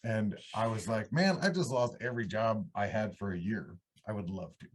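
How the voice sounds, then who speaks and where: With a fairly low voice at a normal speed, a man in his thirties from upstate New York talks about his life as a country singer-songwriter. He is a guest in a casual interview, rambling easily and breaking off to restart mid-sentence.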